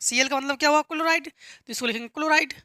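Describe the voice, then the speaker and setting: A woman with a high, bright voice teaches chemistry. She works through each step patiently, asking a question and then answering it herself. The recording is close and dry. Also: quick pace, no echo. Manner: patient, asks and answers her own questions, repeats key words. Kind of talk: classroom lesson explaining step by step.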